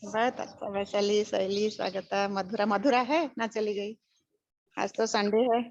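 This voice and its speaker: A woman's voice: mid-range voice, steady tone, measured pace, a little mellow, slight background noise. An older woman giving a spiritual teaching, emphatic and repetitive, mixing English phrases into her talk. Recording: dull lo-fi recording.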